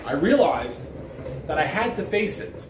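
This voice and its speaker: A middle-aged man, voice on the high side and very animated, speaks a little slowly to children while reading morning announcements and a story like a school announcer. The living-room recording is roomy, with a distant mic and a noisy background.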